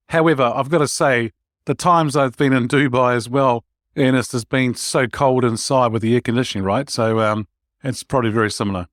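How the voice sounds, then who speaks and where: A medium-pitched man with an Australian accent hosts a leadership podcast, recorded in clean studio sound with no echo. Upbeat in his interview chat, he often restates what his guest has said.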